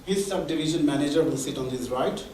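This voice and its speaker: A man's voice: fairly high pitch, quick pace, a little mellow, a little hiss or hum. A man giving a conversational talk at a mentoring event, explaining with examples and frequent restarts. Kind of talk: conversational presentation. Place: meeting room or hall. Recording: echoey room from far off.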